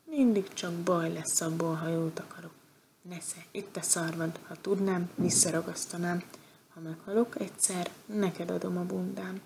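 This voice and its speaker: A woman's voice: lowish voice, steady tone, gravelly, background noise. A woman voicing a gloomy, grumbling male bear in a storybook tale, with a sighing, mournful manner. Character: grumpy gloomy male bear, lumbering and sorry.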